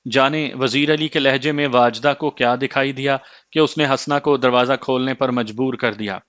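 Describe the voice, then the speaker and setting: Male storyteller, steady measured reading, mid pitch, dry close sound, slightly muffled. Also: dry recording. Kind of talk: scripted story narration.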